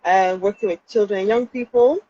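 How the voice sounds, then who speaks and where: A young Dutch woman training as a counselling psychologist is interviewed casually from outdoors during lockdown. Her mid-range, dark-toned voice moves fairly quickly with fairly even intonation, and the sound is lo-fi. She speaks thoughtfully, with light laughs and hesitations.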